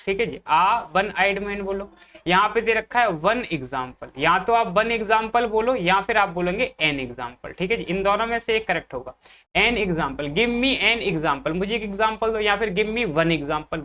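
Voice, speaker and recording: Here the same kind of exam-prep grammar lecture comes from a man whose voice is high, bright and forceful, with slight background noise. Addressing students as brother, he checks in constantly and answers his own questions.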